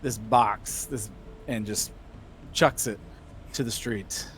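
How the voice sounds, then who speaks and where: Slow, halting man narrating a tabletop game. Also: fairly low pitch, a bit bright, faint music behind. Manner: halting, pausing mid-phrase. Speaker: game master.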